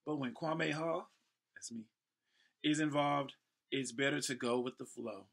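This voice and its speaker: A Houston-born host and event MC in his thirties reads aloud playfully, dropping in casual asides, ad-libs and shout-outs. He speaks a little slowly at a medium pitch, with vocal fry.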